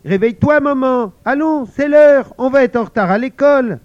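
A man voicing a sensible, bossy little girl who coaxes and scolds her mother gently, in a storybook reading. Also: high-pitched, expressive, moderate pace, dry recording, voice pushed up. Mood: urgent. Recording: dull lo-fi recording.

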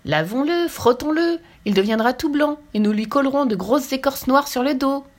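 A woman voicing a bossy, grand male lion in a storybook, giving loud emphatic orders. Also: high-pitched, normal speed, voice pushed up, lightly acted. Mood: commanding. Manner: commanding, emphatic.

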